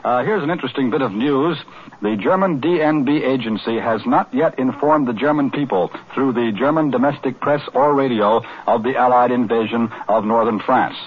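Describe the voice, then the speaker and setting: A man's voice: mid-range voice, moderate pace. A man anchoring live wartime radio news coverage, reading wire bulletins with brief hesitant asides, heard as an old 1940s radio newsreel. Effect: old 1940s radio newsreel sound. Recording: tinny lo-fi 1940s radio broadcast.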